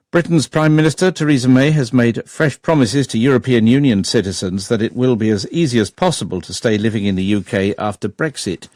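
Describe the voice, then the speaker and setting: Male newsreader, measured bulletin delivery, dry studio. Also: medium pitch, darkish tone, no room sound. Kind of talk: news bulletin reading. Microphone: studio microphone.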